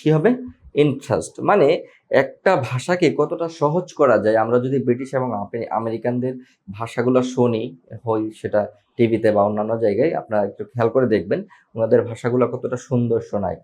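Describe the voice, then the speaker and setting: Slow-drilling male pronunciation teacher. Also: mid-range voice, a little mellow. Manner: slow, repeats each word several times; addresses viewers as brother. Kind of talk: informal pronunciation lesson.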